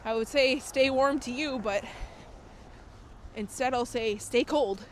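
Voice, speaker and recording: Taking it slowly, a woman with a voice on the high side live-streams outdoors on city streets at night and reads her viewers' comments. She's chatty and laughs a lot, sounds a little nasal as she gets over a cold, and there's a faint hiss or hum.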